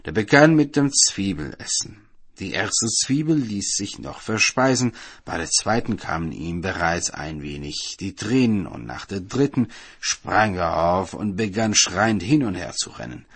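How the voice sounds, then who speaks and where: A low, gravelly male storyteller reading a folk tale aloud. His husky voice rises and falls with lively, expressive reading. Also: a little slow.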